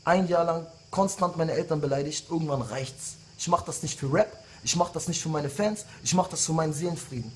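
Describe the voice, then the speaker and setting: He's a late-20s rapper with a slightly high voice, going fairly quickly with hardly any pauses, and slight background noise in the mix. In this angry diss video he speaks straight to his rivals in a heated, insulting rant of repeated jabs.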